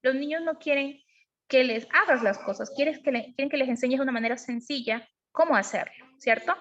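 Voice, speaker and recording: A high-pitched woman leads a parenting lesson. She explains patiently and keeps asking her listeners whether they follow. The sound is dull and lo-fi. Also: fairly quick, fairly bright tone. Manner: explanatory, asks frequent checking questions. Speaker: parenting educator. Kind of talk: online class on emotional parenting.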